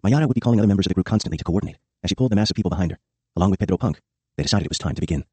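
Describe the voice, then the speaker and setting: A man reading a first-person memoir as an audiobook, brisk and matter-of-fact. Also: low-pitched, animated, darkish tone, husky, no room sound. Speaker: audiobook narrator.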